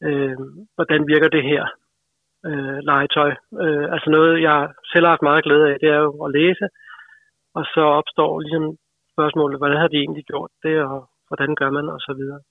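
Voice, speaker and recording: A man, an author, answers casually and hesitantly with many fillers, in a fairly high, gravelly voice. The sound comes dry and tinny, as over a phone line. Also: level tone, no echo.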